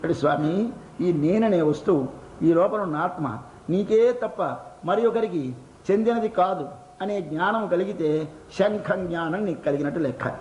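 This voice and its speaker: An older man with a Telugu accent gives a devotional discourse. He asks questions and answers them himself in quick bursts, then slows down on key words. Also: high voice, darkish tone. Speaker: religious discourse speaker. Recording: echoey hall, dull lo-fi sound, faint hiss.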